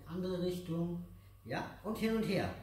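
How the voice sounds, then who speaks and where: Expressive and measured, this middle-aged man's voice sits high yet has a darkish tone. As an aikido instructor in a large matted dojo, he leads a child and viewers through hands-on exercises step by step, patiently encouraging them with simple, repeated phrases, captured by a distant camera mic in an echoey hall.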